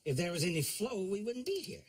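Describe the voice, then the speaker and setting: Gruff older American plumber, animated. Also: male voice, high voice, brisk. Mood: dry, unhurried. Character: stubborn, dry old-school plumber and Navy veteran. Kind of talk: sitcom acting. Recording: noisy TV sitcom soundtrack.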